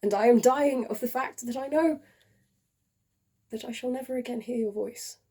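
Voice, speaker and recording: A woman's voice: fairly high pitch, voice pushed up. A woman voicing a dying lovesick soldier-poet, Cyrano. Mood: grieving, tender. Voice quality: hushed, breathy, half-whispered. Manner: tender, grieving, slow and heartfelt. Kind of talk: dramatic monologue reading.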